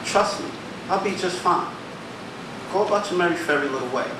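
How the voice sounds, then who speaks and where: A man's voice: high voice, expressive. Man performing spoken word poetry. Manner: rhythmic rhyming delivery with dramatic pauses. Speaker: open mic poet. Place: small poetry theater stage. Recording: echoey room, distant mic, background hum.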